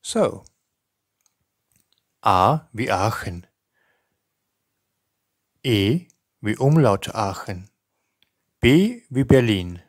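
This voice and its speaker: A man in his fifties with a fairly low voice, speaking extremely slowly as a language teacher. He enunciates each example deliberately, in a dry recording with little room sound. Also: animated, dry recording. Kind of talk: language lesson, slow clear recitation of example words.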